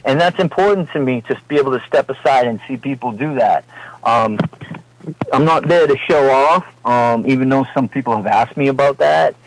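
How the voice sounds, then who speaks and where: A man's voice: mid-range voice, normal speed, poor audio. A man with a Massachusetts accent, a heavy metal singer talking as a guest in a casual radio interview, rambling and laughing between phrases.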